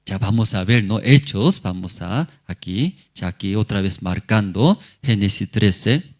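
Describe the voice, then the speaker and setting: A man's voice: on the low side, animated, measured pace. A male pastor preaching a sermon at a church service, speaking in short, simple phrases and often turning to the congregation with questions.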